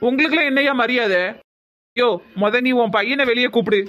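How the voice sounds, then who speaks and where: Furious cartoon brother, high and bright. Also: male voice, brisk, muffled recording. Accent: Tirunelveli Tamil. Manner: shouting threats, accusing. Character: furious young man, raging brother. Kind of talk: cartoon voice acting.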